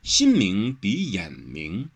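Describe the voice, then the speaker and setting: A man narrating a martial-arts novel as an audiobook in an expressive, storytelling manner. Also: fairly low pitch, slow pace, gravelly, noisy background.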